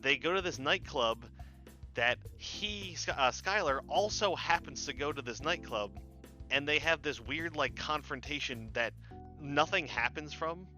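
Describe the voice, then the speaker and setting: Very bright-voiced sarcastic man recapping. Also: a little high, measured pace, faint music behind. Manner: rambling and sarcastic, swears often. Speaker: host. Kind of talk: casual comedic movie recap.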